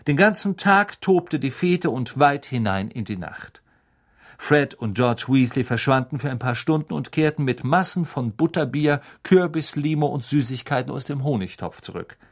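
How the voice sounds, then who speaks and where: A man reading a children's novel aloud as an audiobook narrator, measured and expressive. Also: medium pitch. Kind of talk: scripted narration.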